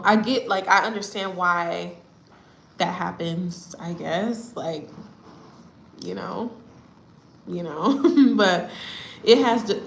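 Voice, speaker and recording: Lively woman chatting in an echoey room. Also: mid-range voice, a little hiss or hum. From United States. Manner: animated and chatty, often laughing. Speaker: vlogger. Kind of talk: casual storytelling chat. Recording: roomy echo.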